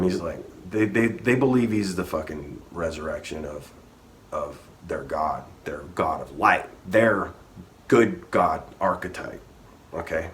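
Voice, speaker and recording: Low-voiced man ranting casually. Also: a bit bright, slight background noise. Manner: rambling, profane, restarts often. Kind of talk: casual profane history rant.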